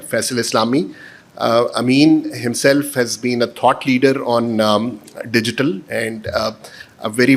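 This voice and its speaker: A man with a Pakistani accent moderating a panel, introducing guests informally in a halting way with frequent pauses. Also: mid-range voice.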